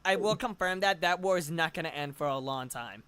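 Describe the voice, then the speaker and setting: A man's voice: a little high, animated, brisk, a loud crowd. A man with a Boston accent chatting casually with his co-hosts, blunt and emphatic, swearing freely. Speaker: roleplay series writer. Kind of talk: casual group chat on a call.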